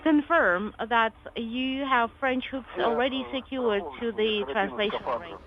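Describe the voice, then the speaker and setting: A woman's voice: a little high, lively intonation, unhurried. A woman talking in clipped radio procedure over a space-to-ground radio loop, acting as mission communicator. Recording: muffled radio link with loud hiss.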